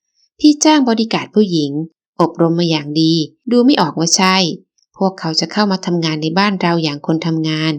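A woman voicing a firm, protective young man in an audiobook, explaining a plan calmly. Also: lowish voice, fairly quick. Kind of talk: audiobook character reading.

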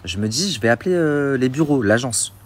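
Telling a social media story over the phone, a man recounts a dispute with indignation in a casual way. His mid-range voice is expressive and his delivery brisk.

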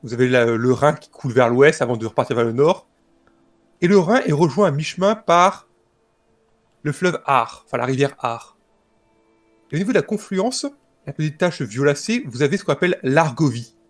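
A man presenting a history topic informally, speaking in a calm, measured, explanatory way. His voice sits a little high for a man. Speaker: guest presenter.

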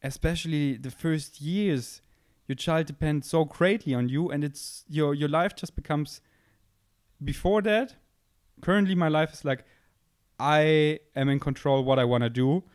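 A young man on a couch indoors rambles through a casual podcast monologue, poking fun at himself as he thinks aloud into a handheld mic held close. His fairly high voice has a darkish tone, and the recording is dry.

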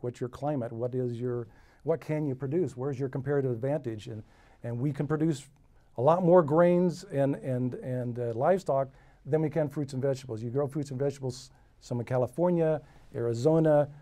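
A man's voice: mid-range voice, warm tone. A middle-aged man from the American Midwest speaking on a panel, folksy and joking, often repeating his words. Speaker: panelist, agricultural economist. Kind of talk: panel discussion. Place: lecture room with audience.

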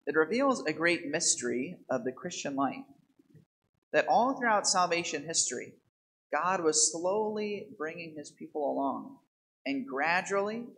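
A man's voice: a little high, animated, unhurried, vocal fry, fairly bright tone, rough recording. A man in his thirties, a priest giving a daily Mass homily at a church pulpit microphone, explaining scripture and often asking the congregation rhetorical questions.

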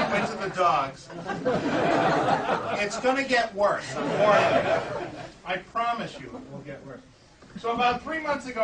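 A man performing live stage comedy as a playful, grandiose flea circus showman, pattering to an audience with puns and mock announcements. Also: high-pitched. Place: live indoor show before an audience. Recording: noisy, echoey room, distant mic.

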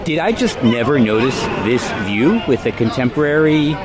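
A man's voice: mid-range voice, big pitch swings, moderate pace. A middle-aged man chatting casually to camera on a roller coaster outing at a theme park, musing aloud and correcting himself. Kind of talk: casual vlog chat. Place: outdoors at a busy theme park. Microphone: handheld action camera at arm's length. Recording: loud music behind outdoor speech.

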